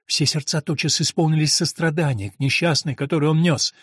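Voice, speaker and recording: A man reading a gothic novel aloud as an audiobook narrator, in a measured, even manner. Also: on the high side, breathy edge, no room sound, clean studio sound.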